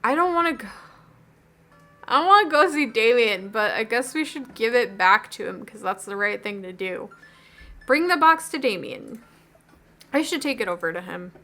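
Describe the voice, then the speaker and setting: A woman's voice: on the high side, animated, moderate pace, pauses often, pushed and bright, soft background music. A woman hosting a video game playthrough, reading dialogue aloud expressively with playful asides and commentary. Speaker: video game let's-play host.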